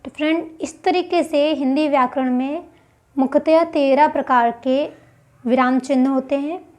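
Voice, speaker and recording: A woman's voice: high voice, a little slow, a little mellow. A woman teaching a grammar lesson for exam prep. She explains step by step and asks questions that she then answers herself.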